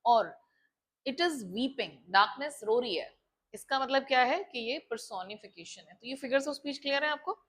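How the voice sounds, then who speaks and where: A woman's voice: high-pitched, lively intonation, normal speed, a bit bright. A woman teacher with an Indian accent explaining a poem, asking questions and then answering them herself. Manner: asks and answers her own questions. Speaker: English teacher. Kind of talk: classroom lesson in Hindi-English mix.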